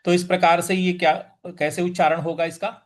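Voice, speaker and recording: A man teaching how to pronounce a Sanskrit verse. He patiently explains where to put stress, then chants each word slowly. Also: high-pitched, little pitch movement. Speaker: teacher of Gita recitation. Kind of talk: pronunciation lesson with slow chanting.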